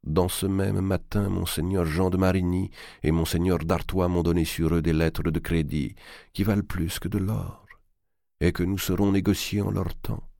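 An old, shrewd banker, as a man reads him, speaking slow and low, calm and weighing each word. The voice is deep and close, with a dry sound. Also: vocal fry, no room sound. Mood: measured. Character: old cunning male banker, tender with his nephew.

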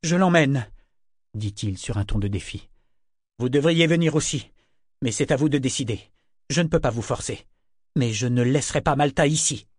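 A man's voice: medium pitch, moderate pace, a little mellow, breathy edge, no echo, clean studio sound, close to an everyday voice. A man voicing a desperate young man in an audiobook, pleading urgently and insistently. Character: desperate, forceful young man, half-wild. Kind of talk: audiobook character voice.

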